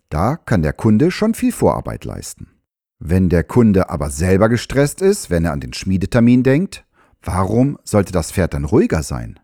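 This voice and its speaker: Low-voiced farrier explaining calmly. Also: male voice, no echo, clean studio sound. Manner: calm, measured advice. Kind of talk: scripted explanatory narration.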